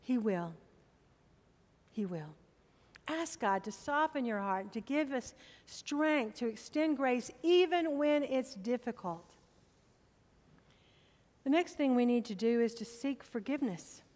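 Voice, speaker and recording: A middle-aged woman pastor, her voice on the high side, expressive, and darkish in tone, preaches in a large hall. She speaks from the church pulpit with slow, emphatic appeals to the congregation.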